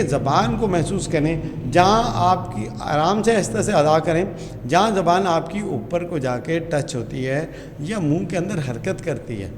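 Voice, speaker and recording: A man with a Pakistani Urdu accent teaches a grammar class in a slightly high voice. He asks the class questions and answers them himself, and reads English sentences out slowly. The sound carries a long hall reverb with a faint hiss behind it. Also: a little mellow.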